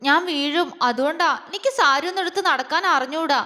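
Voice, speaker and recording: A woman's voice: high-pitched, brisk, sharp tone, big-room sound. A woman voicing a sulky, innocent young bride who whines and pouts like a small child. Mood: whiny. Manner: pouting, whiny, childish.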